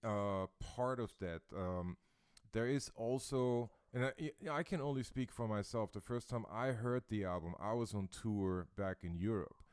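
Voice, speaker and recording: A man's voice: on the low side, moderate pace, darkish tone, clear, resonant tone, dry recording, clean studio sound. A male host from Austria chatting in an interview, thoughtful and searching for his words. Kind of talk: casual interview chat. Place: Brooklyn, New York.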